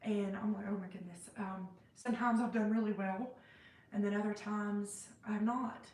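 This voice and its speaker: A woman's voice: mid-range voice, fairly even intonation, moderate pace, darkish tone. A woman vlogging in a casual, reflective way, rambling with many fillers and restarts, in a cold room indoors. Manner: self-described hyper and sentimental. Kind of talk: casual reflective faith-based vlog. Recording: roomy sound, mic at a distance.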